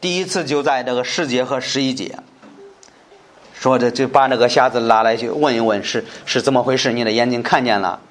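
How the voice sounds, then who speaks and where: A man's voice: mid-range voice, fairly quick. A male preacher expounding a Bible passage, repeating himself with many fillers and frequent rhetorical questions.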